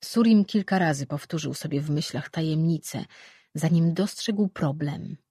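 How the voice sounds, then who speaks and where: A woman narrating a fantasy audiobook in a measured reading voice, giving the characters light shifts of tone. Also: sits low, dark tone, breathy edge, no echo, clean studio sound. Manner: measured, reads all characters in her own voice with light shifts.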